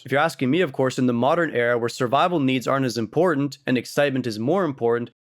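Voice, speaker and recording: A man hosting a dating-advice channel, commenting on a clip in a measured, lecturing way. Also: mid-range voice. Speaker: dating coach host.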